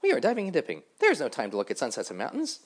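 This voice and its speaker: A man voicing boastful, hurried dragonflies in a loud, high, excited voice. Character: zippy boastful dragonflies, always rushing.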